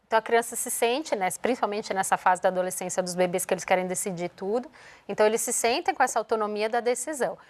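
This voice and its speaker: A woman's voice: medium pitch, fast. A woman from Brazil, a guest on a TV morning show, explaining how parents can handle tantrums and acting out what a parent might say. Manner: explanatory, acts out parent and child lines. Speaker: educational psychologist guest. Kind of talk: TV morning show interview, giving parenting advice.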